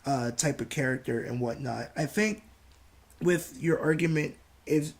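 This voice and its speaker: A man's voice: on the high side, a little slow. A man co-hosting a casual podcast, rambling with lots of filler words. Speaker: podcast co-host. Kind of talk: casual gaming chat.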